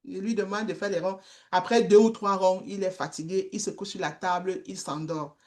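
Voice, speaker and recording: A middle-aged woman giving a testimony, telling a story in a slow, halting way with repeated words. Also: lowish voice, fairly even intonation, a little mellow. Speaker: guest speaker, street-children worker.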